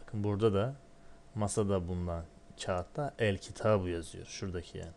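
A man teaching a lesson from a textbook, asking himself questions and answering them, and sounding out words slowly. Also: low voice, steady tone, creaky, a little mellow, a little hiss or hum. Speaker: Arabic teacher.

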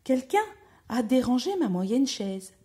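A woman voicing a middle-sized bear in a measured, slightly raised voice. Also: on the high side, big pitch swings, mellow, voice pushed up. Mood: plain.

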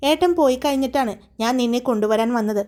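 A woman's voice: fairly high pitch, quick pace, a little mellow, close to an everyday voice. A woman voicing a cheeky, playful young woman who whines and jokes in a storybook tale. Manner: playful, whiny.

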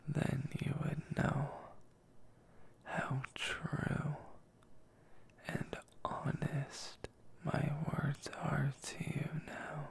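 A man in a whispered role-play as a devoted, tender boyfriend, reading a love letter in a breathy, creaky whisper. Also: fairly high pitch, monotone, extremely slow. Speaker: ASMR boyfriend role-player.

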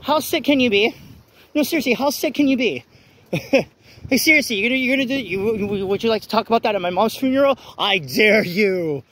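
This walk-and-talk vlog rant comes from a man with a high-pitched, animated, fairly quick and slightly bright voice. He holds his phone while walking a wet city street at night, speaking bluntly with many restarts.

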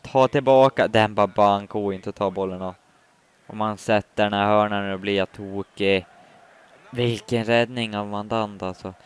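A man giving live commentary on his own football video game match, muttering complaints and then shouting when a goal goes in. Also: lowish voice, fairly even intonation, clear, resonant tone. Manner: swings from muttering to shouting at goals. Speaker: gaming commentator.

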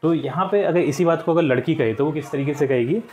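Over a noisy background, a man with a slightly high voice speaks at a quick pace. He patiently explains textbook answers to young pupils, repeating words and often saying "theek hai."

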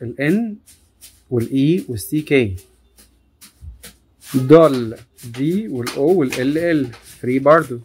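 A woman with an Egyptian Arabic accent teaching an English phonics lesson to children, repeating each example word slowly. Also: extremely low pitch, darkish tone, slight background noise. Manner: slow, drawn-out word repetition.

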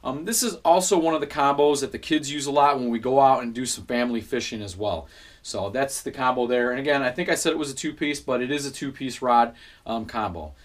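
A fishing channel host in his thirties chats casually to the camera about his gear, relaxed and easygoing, with lots of ums and quick self-corrections. His voice is medium in pitch, and a camera a few feet away records him in a small room at home.

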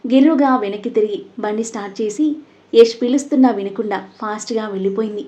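A woman narrating a scripted audio story in a steady, even way. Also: medium pitch, quick pace. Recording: dull lo-fi audio.

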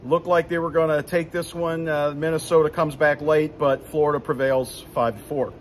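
This fifties-aged man hosts a loose postgame recap next to the rink of an indoor hockey arena, wandering through fillers and false starts. His fairly high voice is flat and normal in speed, recorded on an arm's-length phone camera amid background noise.

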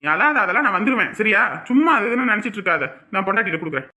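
A woman playing a dutiful village man, firm, reassuring and quick to anger. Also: mid-range voice, very animated, bright, forceful tone. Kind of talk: village drama acting.

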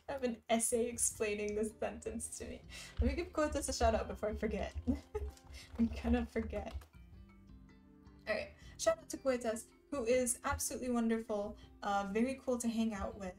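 A young woman streamer chatting playfully with her viewers and reading their messages aloud with quick asides. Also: fairly high pitch, a little mellow, recorded from a distance. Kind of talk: casual live-stream chat. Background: faint music.

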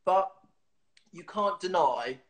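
Over a webcam, a man in his thirties hosts a casual video-call interview from a small room in his home, with slight background noise. His voice sits high with lively intonation, yet he speaks slowly, chatty and giggly, with many fillers and restarts.

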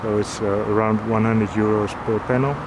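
A man explaining his boat's solar panels in a casual, halting way, with many fillers. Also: lowish voice, flat delivery, very noisy. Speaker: sailing vlogger.

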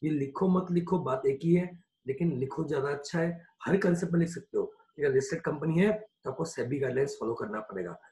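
A man teaching a class in Hindi with plenty of English mixed in, his voice sitting fairly high for a man. He slows down to dictate points word by word and keeps asking whether it is clear. The room around him is echoey. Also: dark tone. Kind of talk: classroom lecture.

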